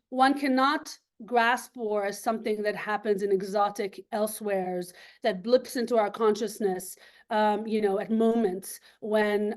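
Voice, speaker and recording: A woman from Lebanon giving an academic seminar talk over a video call, thoughtful and full of ums and restarts. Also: medium pitch.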